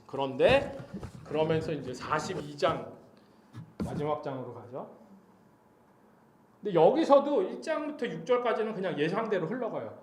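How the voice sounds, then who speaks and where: A man giving a guest sermon as a missionary, telling the story in a lively way and acting out the voices in it. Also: fairly high pitch, normal speed, pauses often, roomy sound, slight background noise. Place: church.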